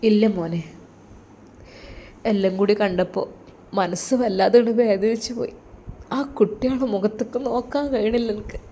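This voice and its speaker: A woman's voice: medium pitch, fairly even intonation, normal speed, long pauses, a little hiss or hum, natural voice. A woman voicing a grieving old mother from Malappuram. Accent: Malappuram Malayalam. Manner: soft, tearful, pleading. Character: grieving older mother, tender and devout.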